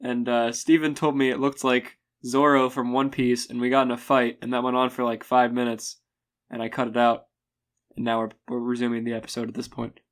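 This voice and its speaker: A man co-hosting and editing a comedy podcast, explaining a cut in a low, quick, matter-of-fact aside. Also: little pitch movement. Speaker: podcast co-host and editor. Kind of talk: casual banter and edited aside.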